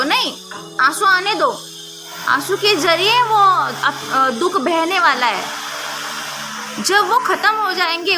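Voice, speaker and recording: Earnest high-voiced woman pleading her point. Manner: earnest, pleading, repeats key phrases. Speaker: social commentary vlogger. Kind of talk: impassioned monologue to camera. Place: indoors with construction noise outside.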